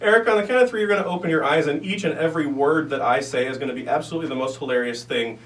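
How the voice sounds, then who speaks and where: A man's voice: fairly high pitch, rapid-fire, a bit bright. A man speaking as a stage hypnotist and radio guest, chatting and giving instructions. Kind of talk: conversational interview and hypnosis instructions. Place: radio studio. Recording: echoey room, distant mic, faint hum.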